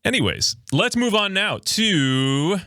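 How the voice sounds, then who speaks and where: Here the Miami host sounds high, expressive and sharp, talking at a slow pace. A Spanish speaker from childhood, he keeps his livestream podcast loose and jokey, reading viewers' comments while tired, captured dry and clean on a studio microphone.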